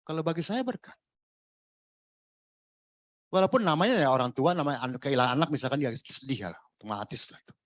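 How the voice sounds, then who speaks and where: A man's voice: medium pitch, lively intonation, brisk, pauses often, dry recording. A man preaching a sermon in a conversational, jokey way, full of rhetorical questions. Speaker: pastor. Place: church.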